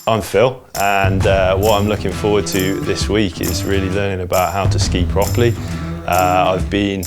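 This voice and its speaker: Very low, gravelly man over music. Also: little pitch movement, normal speed. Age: 30s. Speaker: ski student. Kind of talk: casual introduction to camera. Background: jingly music.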